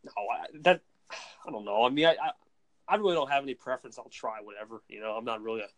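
A man's voice: mid-range voice, lively intonation, fast, a bit bright. A man chatting casually, hesitant and rambling, often restarting his sentences. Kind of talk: casual chat.

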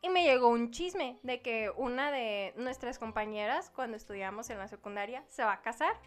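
A young woman with a Mexican Spanish accent, co-hosting a podcast and telling an animated, slangy story that acts out the dialogue. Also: a little high, moderate pace, smooth, faint music behind. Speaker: podcast co-host. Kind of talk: casual chat, storytelling.

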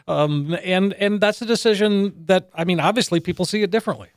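A man's voice: high-pitched, fairly quick, dry recording, studio quality. A man hosting a call-in radio show about retirement money, easygoing and agreeable, reading out the phone number.

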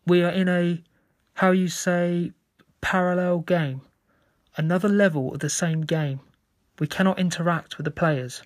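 Man doing a halting gamer with a slight accent. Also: high voice, steady tone, no echo, studio quality. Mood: earnest. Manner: halting, searches for words. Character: friendly male gamer with a slight foreign accent.

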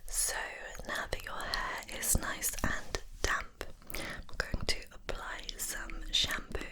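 A woman performs a whispered role-play as a spa therapist. Her voice is a soft, breathy whisper, delivered very slowly. The manner is gentle and soothing, as if looking after a client in the chair.

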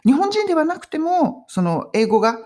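A woman's voice: high-pitched, sing-song, normal speed, warm tone. A middle-aged woman giving a casual English conversation lesson on video, talking in an emphatic, friendly teaching tone. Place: home in London.

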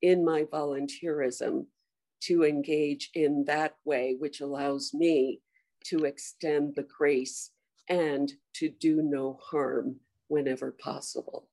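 A woman reflecting in a slow, measured way on her volunteering in a church group. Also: low-pitched, fairly even intonation, dark tone.

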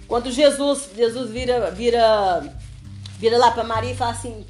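A woman's voice: a little high, normal speed, a little mellow, reverberant, soft background music. A woman leading a prayer and Bible study, earnest and repeating her phrases, often checking in with her listeners.

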